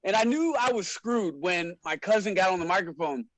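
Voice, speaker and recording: A man's voice: sits high, lively intonation, fairly quick, fairly bright tone, no echo, rough recording. A man, a wrestler and show promoter, telling stories in a casual, slangy way and laughing often. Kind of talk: casual storytelling in a podcast interview.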